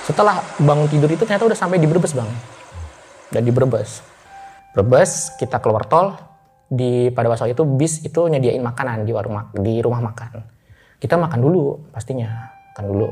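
A man's voice: mid-range voice, expressive, normal speed, darkish tone, a little hiss or hum. Man telling a spooky story casually. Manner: chatty, keeps addressing the listener as brother; loose speech with restarts. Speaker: guest telling a ghost story.

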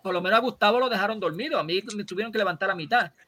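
High, animated man over loud chatter. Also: rapid-fire. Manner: animated storyteller, trying to get the floor. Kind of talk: casual group banter.

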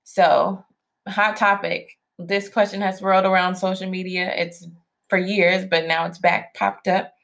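A woman's voice: medium pitch, flat delivery, unhurried, vocal fry, a bit bright. A woman co-hosting a marriage podcast with her husband, telling stories in a chatty, easygoing way. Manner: chatty storyteller, laughs easily. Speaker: podcast co-host. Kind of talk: casual chat.

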